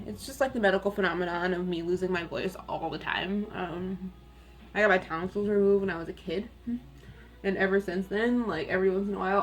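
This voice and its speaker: Raspy young woman rambling about her makeup at her desk, candid, swears a bit. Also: on the low side, a little hiss or hum. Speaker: beauty vlogger. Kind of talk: casual get-ready-with-me makeup chat.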